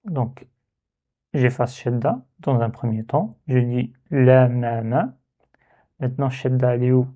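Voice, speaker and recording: A man's voice: mid-range voice, moderate pace, warm tone. A man teaching Arabic letter reading in a step-by-step lesson, patiently repeating syllables to demonstrate. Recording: tinny phone-like sound.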